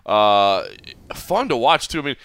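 A man's voice: medium pitch, very animated, fairly bright tone, no room sound. A man from Texas hosting a podcast, recapping a fight night in a talkative, easygoing way. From Texas, United States. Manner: talkative, restarts phrases, quick to laugh. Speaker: podcast host. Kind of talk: casual post-fight recap chat.

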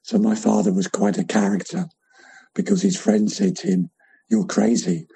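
A middle-aged man with a hoarse, croaky voice and creaky vocal fry, giving reflective testimony as a podcast guest. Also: fairly low pitch, very animated, normal speed, dark tone. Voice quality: croaky, gravelly, husky voice.

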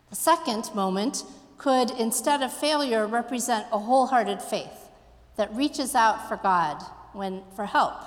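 Woman pastor preaching in an echoey hall. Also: medium pitch. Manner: slow, reflective, posing questions. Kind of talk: sermon.

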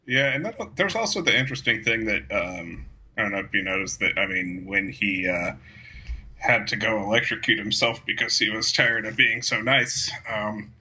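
A man's voice: fairly low pitch, moderate pace, bright, forceful tone, husky, low-quality recording. A man talking through a film in a casual discussion, rambling with many fillers and frequent laughs. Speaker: podcast co-host.

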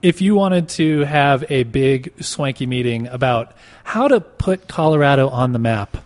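In a marble boardroom inside a clock tower, a man hosts a casual podcast with wry jokes. His mid-range voice is expressive and darkish, his pace measured, and the echoey marble room gives a long reverb.

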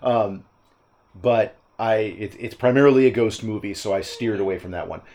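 A man's voice: on the low side, moderate pace, a little mellow. A man talking casually as a panelist in a film discussion. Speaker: movie podcast panelist.

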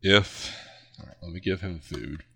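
A man's voice: low voice, normal speed, vocal fry, a little hiss or hum. A man co-hosting a casual group podcast, talking hesitantly with lots of fillers.

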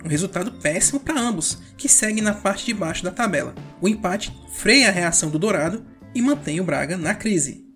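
A woman's voice: medium pitch, lively intonation, fairly quick, few pauses. A Brazilian woman hosting a football show, narrating a scripted round-up of results. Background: music bed.

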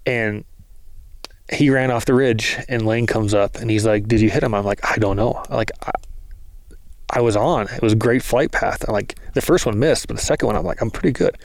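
A man telling a lively story in casual talk, acting out the quoted lines of others. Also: fairly low pitch, moderate pace, dry recording. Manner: animated storyteller, acts out quotes. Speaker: guest, bow hunter.

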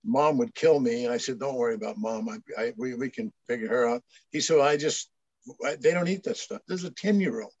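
A man's voice: mid-range voice, brisk, darkish tone, dry recording. An older man from Maine, a guest telling stories in casual chat, rambling with many restarts. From Maine, USA. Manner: rambling storyteller with frequent restarts. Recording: dull lo-fi dry sound.

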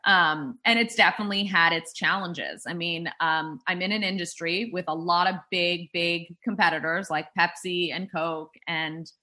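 A woman who founded a drink startup rambles through a casual interview, full of fillers and restarts. Her fairly low voice has a bright, forceful tone, moving at normal speed with hardly any pauses.

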